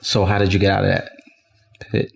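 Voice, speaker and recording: A man hosting a faith interview, a gentle, encouraging listener who quotes scripture. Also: low-pitched, completely flat delivery, fairly quick, creaky. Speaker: host.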